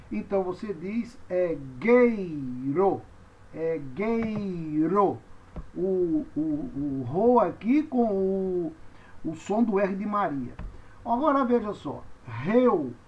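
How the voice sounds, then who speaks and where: Man, language teacher, patient, spells out letters, slow delivery, muffled recording. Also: high voice. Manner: patient, spells letters out and repeats each word slowly. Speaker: Greek teacher. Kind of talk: classroom lecture. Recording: dull lo-fi recording.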